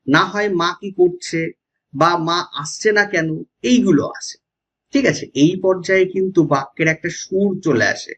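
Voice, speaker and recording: Husky-voiced Bengali teacher explaining. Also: male voice, high voice, fairly bright tone. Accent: West Bengal Bengali. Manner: explanatory, often checks with "ঠিক আছে?". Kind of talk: exam-prep lecture. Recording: dull lo-fi sound.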